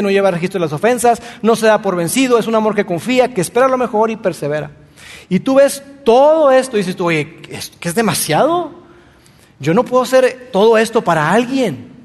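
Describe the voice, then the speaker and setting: A man's voice: high-pitched, big-room sound. A man preaching a sermon, speaking earnestly and addressing the listener directly with rhetorical questions. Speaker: pastor.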